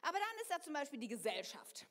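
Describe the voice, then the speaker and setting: A woman with a high voice preaches a sermon in a church hall, talking straight to her congregation and giving voice to the thoughts she describes. Her words ring out with a long reverb that trails off around the room. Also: fast talker. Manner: expressive, acts out inner voices, addresses congregation directly.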